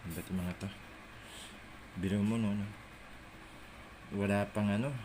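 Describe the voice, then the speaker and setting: Holding his phone to film, a middle-aged Filipino man shows his cassette collection in a lowish voice with fairly even intonation at a moderate pace. His Manila Tagalog-accented talk is off the cuff, rambling and muttered to himself, and the phone camera audio is noisy.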